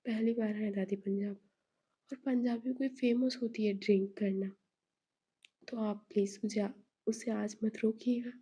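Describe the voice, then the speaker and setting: A woman's voice: medium pitch, steady tone, a little slow, dark tone, breathy edge. A woman reading a storybook voicing a playful young woman who teases and coaxes her partner. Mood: coaxing. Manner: teasing, coaxing. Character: playful, teasing young woman, lively and affectionate.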